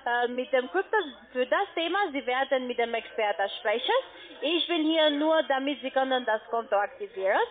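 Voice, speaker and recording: This call centre agent for an online trading platform has a high voice with lively intonation, heard from her office through a tinny, muffled phone line. Her sales instructions sound scripted, delivered haltingly and insistently, one step at a time.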